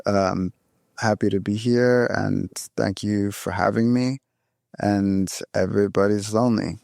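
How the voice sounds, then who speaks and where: A man, the show's producer, joining as a guest in a low-key, slightly awkward way. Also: steady tone, measured pace, creaky, darkish tone, no echo, studio quality. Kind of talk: casual chat.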